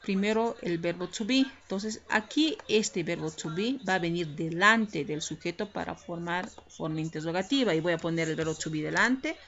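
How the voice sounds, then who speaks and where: A woman teaches English grammar in a recorded lesson, going through it patiently step by step and checking in with her students. Her fairly low, somewhat bright voice is expressive, moving at a moderate pace with few pauses. The recording is lo-fi, slightly muffled, with faint hiss.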